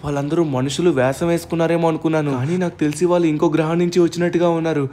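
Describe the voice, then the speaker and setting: A man narrating his own game story with excitement, loudly exclaiming and hurling dramatic threats at his foes. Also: on the high side, rapid-fire, slight background noise. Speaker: gaming channel narrator and player.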